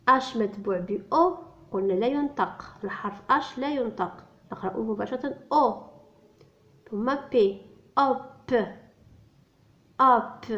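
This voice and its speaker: A woman teaching French reading to beginners, spelling out letters and sounds one by one and repeating each word. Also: a little high. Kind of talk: slow spelled-out reading lesson. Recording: dull lo-fi recording.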